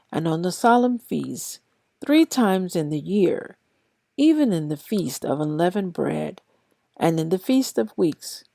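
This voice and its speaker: A woman who hosts a daily Bible reading series gives a brief casual introduction, then reads scripture in a lowish, warm voice with a gravelly creak. A little tired, she moves very slowly and deliberately through short phrases, and the recording is dry and close with no room sound.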